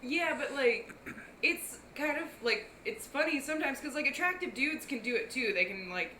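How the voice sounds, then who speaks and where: A young woman in easy podcast conversation, blunt and loose with swear words, her speech full of "like". Her voice is fairly high and bright. The room echoes around her, with a faint hum of ambience. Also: expressive, normal speed. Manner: blunt, swears freely, peppered with "like". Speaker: podcast guest. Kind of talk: casual chat.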